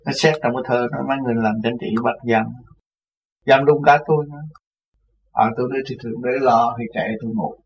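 A religious teacher recounts his life casually and ramblingly, repeating words and acting out other people's voices. His mid-range voice is steady and fast. The recording is distant, from a dull mic with faint noise.

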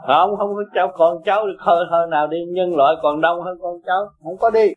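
A man teaching Buddhism in a high, carrying voice. He talks bluntly and emphatically, pushing and coaxing his listeners by turns. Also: quick pace, low-quality recording. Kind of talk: blunt Dharma talk to followers.

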